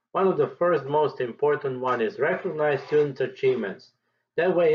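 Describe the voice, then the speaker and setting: This is a man, talking through his teaching approach as a statistics professor. He speaks in a measured, deliberate way and pauses between his points. His voice sits at an average pitch, and the recording has a slightly dull, muffled, lo-fi sound. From Serbia.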